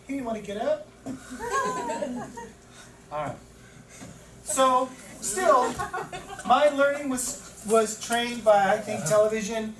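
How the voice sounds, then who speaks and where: A man in his fifties, a teacher trainer giving an animated lecture with stories, repeating words for emphasis. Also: extremely high pitch, slow, pauses often. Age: 50s. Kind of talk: classroom lecture. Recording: echoey room from far off, noisy.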